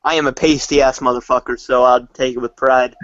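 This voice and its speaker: A man's voice: mid-range voice, flat delivery, a little fast, a bit bright, no room sound. A man in a casual voice chat who teases the others with provocative jokes. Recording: dry, muffled voice chat audio.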